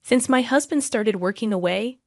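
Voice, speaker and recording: A woman reading a scripted first-person drama story in an even, measured way. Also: a little high, no echo, studio quality.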